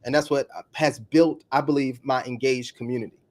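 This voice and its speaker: A man, a YouTube coach, explaining his advice to an interviewer, with fast bursts of enthusiasm. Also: mid-range voice, fairly even intonation, darkish tone. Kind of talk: casual interview talk.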